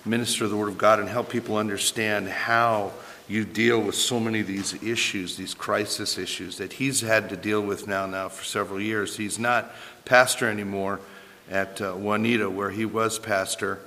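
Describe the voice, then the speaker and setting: A man preaching as a pastor in an earnest, informal way, his voice thin, squeaky and strained from a sore throat. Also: fairly even intonation, normal speed, sharp tone, slight background noise. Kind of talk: sermon. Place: large reverberant church hall. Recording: long hall reverb.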